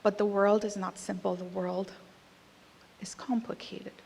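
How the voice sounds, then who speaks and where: In a large, reverberant hall, a Costa Rican award speaker in her thirties with an American accent talks a little slowly. Her medium-pitched voice is gravelly and darkish with little pitch movement, and a slight hiss or hum sits under her candid, conversational speech and its emphatic punches.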